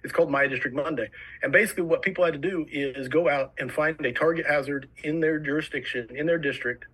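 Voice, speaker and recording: A man's voice: fairly high pitch, fairly bright tone, slightly rough, rough recording. A man with a New Jersey accent, a fire service instructor eagerly telling stories as a podcast guest. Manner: eager, rapid storytelling. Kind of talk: casual podcast conversation.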